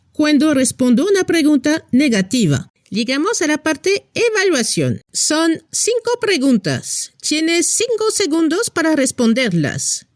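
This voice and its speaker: A woman giving a scripted language lesson in a slightly high, very lively voice. She reads example phrases slowly and deliberately. The sound is dry and close, with no room echo. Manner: slow, deliberate teaching delivery with careful example phrases. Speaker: French teacher.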